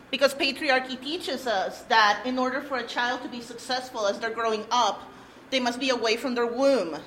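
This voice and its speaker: A young Peruvian woman presenting a workshop gives a candid, earnest personal testimony, letting out light nervous laughs. Her slightly high, somewhat bright voice is caught by a room recorder rather than a handheld mic while she addresses an audience. The audio is poor, with a faint hum in the background.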